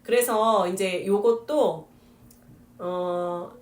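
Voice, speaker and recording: A woman teacher leading a relaxed book discussion and asking the group questions. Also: medium pitch, very slow. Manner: reflective, asks the group questions. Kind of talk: casual discussion. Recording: echoey room, distant mic, faint background noise.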